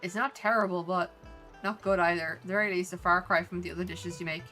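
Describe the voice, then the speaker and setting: A woman's voice: fairly low pitch, fairly even intonation, fast, sharp tone, faint music behind. An Irish woman voicing a kindly, motherly older female cook, reading game dialogue aloud. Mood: warm.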